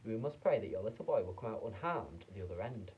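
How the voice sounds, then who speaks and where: Man playing eccentric chocolate maker, theatrical, husky, lively, dull lo-fi sound. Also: lowish voice, fast. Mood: excited. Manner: theatrical, exclamatory, fussy.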